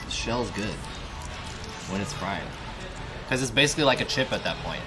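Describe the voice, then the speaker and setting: A man in his 30s live-streams from inside a restaurant as he eats by himself, chatting loosely, swearing and regularly putting questions to his audience. His voice is on the low side and animated, at normal speed, with a noisy background and music behind it.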